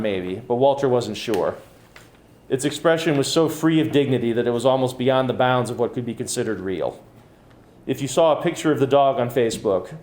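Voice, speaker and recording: A man, an author, reading his own fiction aloud at a public reading with measured, even storytelling. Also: mid-range voice, roomy sound. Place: bookcafe reading event.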